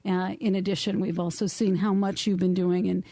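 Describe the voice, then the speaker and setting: A woman's voice: mid-range voice, flat delivery, normal speed, mellow, dry recording. A woman hosting a radio interview in a studio, chatty, with many fillers and restarts. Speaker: radio talk show host. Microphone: studio microphone.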